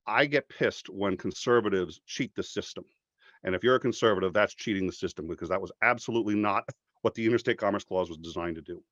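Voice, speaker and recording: A man with a low voice argues his point with heat and plenty of swearing, now and then slipping into mocking voices. The audio is dry and a little dull, like a home podcast setup. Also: quick pace, dry recording. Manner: animated, profane, jumps into mocking voices for quotes. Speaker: podcast guest. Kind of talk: passionate conversational argument.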